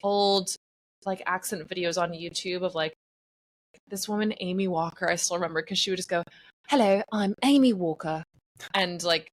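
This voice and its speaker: A woman's voice: on the low side, fairly even intonation, moderate pace, a bit bright. A woman being interviewed about her podcast acting, talking in a rambling, self-deprecating way full of "like". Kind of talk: casual interview chat.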